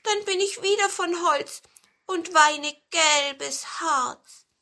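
A woman voicing a small, timid male pine cone in a storybook, speaking in a high, pleading voice. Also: slow pace, pushed and bright, full character voice. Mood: pleased. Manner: fearful, pleading, high and squeaky.

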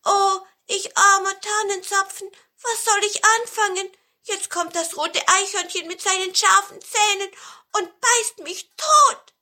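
A woman voicing a small, timid male pine cone in a storybook, speaking in a high, pleading voice. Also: slow pace, pushed and bright, exaggerated voice. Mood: frightened. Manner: fearful, pleading, high and squeaky.

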